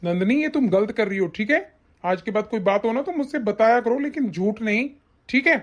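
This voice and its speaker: A woman voicing a caring young elder brother in an animated family story, concerned and questioning. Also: on the high side, brisk. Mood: disappointed. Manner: concerned, questioning, raises voice when upset.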